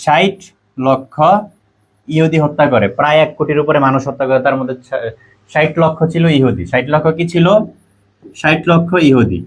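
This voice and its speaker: A man from Bangladesh runs a quiz lesson for test takers, asking each question over and over and reading the options aloud. His voice sits a little high for a man. He reads students' answers back to them one by one. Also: fairly quick, long pauses. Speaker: admission test tutor.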